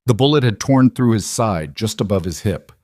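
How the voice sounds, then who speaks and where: Low-voiced man narrating a western story. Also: no echo, clean studio sound. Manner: steady, measured storytelling.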